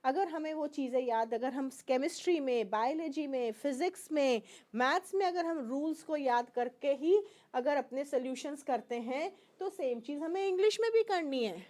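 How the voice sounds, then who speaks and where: A woman's voice: high-pitched, animated, moderate pace, darkish tone. A middle-aged woman with an Indian English accent teaching pronunciation, mixing Hindi and English, patiently repeating words and checking that students follow. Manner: explains patiently, repeats each word and asks "fine?".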